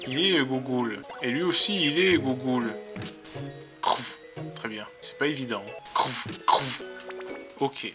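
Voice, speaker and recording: A man's voice: mid-range voice, slow pace, pauses often, music in the background. A man commenting casually on his gameplay, muttering to himself and swearing, with a sore throat. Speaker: let's play host.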